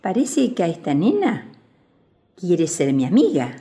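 Woman doing a young colt, storybook, low hushed voice, wary, aloof. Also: huge pitch swings, measured pace, exaggerated voice.

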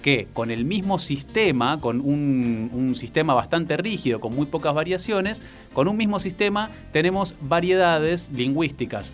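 A man with a Rioplatense Argentine accent speaks as a teacher, calm and methodical, pausing on little "eh" fillers as he builds his explanation. His pitch sits in a middle register. Faint music plays underneath. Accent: Argentine Rioplatense Spanish. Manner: patient, measured, frequent "eh" fillers and "¿no?" tags. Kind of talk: explanatory educational talk.

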